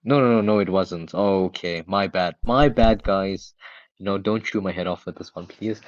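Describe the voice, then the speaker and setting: Low-voiced man, casual co-commentator. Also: moderate pace, no echo, lo-fi sound. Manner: informal, conversational, repeats phrases. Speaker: esports co-commentator. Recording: faintly noisy stream mic with clicks.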